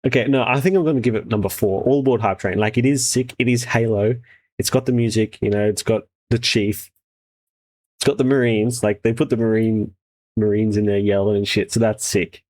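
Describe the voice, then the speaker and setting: A man's voice: lowish voice, steady tone, a little fast, a little mellow, rough recording. A man hosting a casual trailer reaction with sweary, laddish, slangy enthusiasm. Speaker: host, game developer reviewing trailers.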